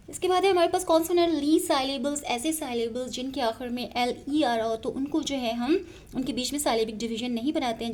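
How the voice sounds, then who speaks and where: A woman English teacher explaining syllable rules, pausing often and spelling words out letter by letter. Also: a little high, darkish tone, slight background noise. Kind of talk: explaining a lesson in Hindi-Urdu mixed with English.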